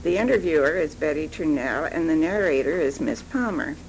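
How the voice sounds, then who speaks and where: A woman with a low voice conducts an interview, heard on an old home tape recording from the 1980s. A faint hum sits under her words. She reads the formal opening and then stumbles through restarts as she asks her question. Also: lively intonation, normal speed, a little mellow, rough recording. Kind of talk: formal spoken introduction, then a casual question. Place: a home apartment.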